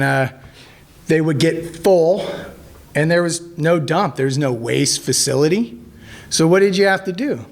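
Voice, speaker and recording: A man in his thirties, an army veteran, telling stories casually to a group, joking and halting with many fillers. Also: fairly high pitch. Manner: jokey, animated when acting out quotes.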